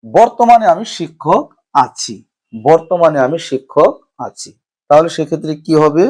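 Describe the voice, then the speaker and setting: A man's voice: fairly high pitch, very animated, moderate pace, darkish tone. A man with a Bangladeshi accent teaching a spoken English lesson, patiently repeating each phrase step by step.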